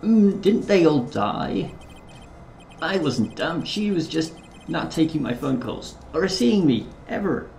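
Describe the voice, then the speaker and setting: A man putting on a hot-headed young guy in a courtroom game, whose voice shoots high and loud when he protests. The room around him is echoey and a faint hum sits underneath. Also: big pitch swings, slow pace, creaky, heavily acted. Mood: indignant. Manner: shouting, indignant protests. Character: excitable loudmouth young male witness.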